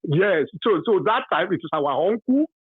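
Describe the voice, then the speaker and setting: A man in his fifties from Nigeria with a Yoruba accent, calling in to a radio talk show to give his opinion, halting and full of fillers, then emphatic. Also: high voice, animated, breathy edge. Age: 50s. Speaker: caller. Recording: dry tinny phone line.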